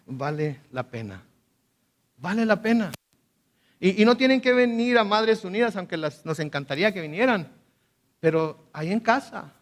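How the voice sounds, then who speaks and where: A male pastor preaching a conversational sermon with animated asides and frequent restarts. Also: high voice. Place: school auditorium.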